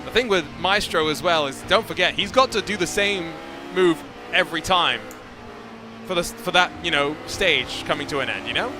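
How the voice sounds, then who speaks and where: A man's voice: fairly high pitch, music in the background. A man commentating a sim racing event live, joking with his co-host between races. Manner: quick, joking banter with co-host.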